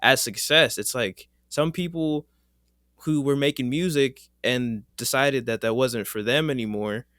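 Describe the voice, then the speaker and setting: A laid-back man hosts a casual podcast conversation, speaking in an easygoing, slangy way and laughing often. His voice sits at an average pitch for a man. The sound is close and dry, with no room around it. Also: unhurried, a bit bright, no echo. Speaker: podcast host. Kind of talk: casual chat.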